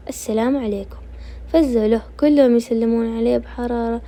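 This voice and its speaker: Najdi lady reading a novel out loud, dark husky voice. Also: on the high side. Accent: Najdi Saudi. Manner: quick conversational storytelling. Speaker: narrator.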